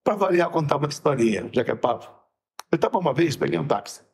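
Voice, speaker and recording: A man, a rabbi co-hosting a podcast, telling stories in a lively way and acting out the dialogue with sudden high shouts. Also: fast, creaky. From Brazil. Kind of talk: casual podcast chat.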